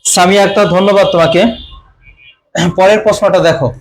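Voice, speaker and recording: A young man teaching an online exam-prep grammar class, often quizzing his students and clearing his throat. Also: high-pitched, fairly even intonation, fairly quick. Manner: quizzing students with repeated questions. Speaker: admission coaching teacher.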